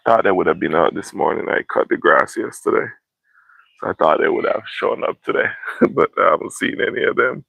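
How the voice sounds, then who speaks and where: A man hosting a casual livestream outdoors, chatting to viewers in an unhurried, repetitive way. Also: low voice, animated, gravelly, fairly bright tone, husky, dry recording. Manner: unhurried, repeats welcomes and phrases. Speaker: livestream host. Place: outdoors in a yard in the morning. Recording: tinny phone-like sound.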